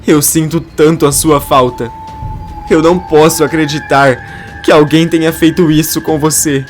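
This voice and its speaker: A man's voice: mid-range voice, normal speed, faint music behind, lightly acted. A man voicing a grieving, determined young daughter in a narrated soap opera summary.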